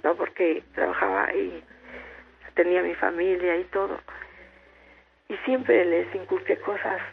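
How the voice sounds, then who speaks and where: An older woman with a gravelly voice, calling in to tell a long, devout family story. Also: fairly low pitch, steady tone, a little slow. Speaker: radio caller. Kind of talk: tearful personal testimony. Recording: tinny phone line with faint hiss.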